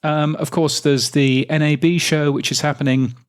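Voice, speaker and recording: A man's voice: on the high side, little pitch movement, moderate pace. A British man co-hosting a podcast news show, chatting casually with plenty of ums and dry, wry asides. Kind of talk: casual chat.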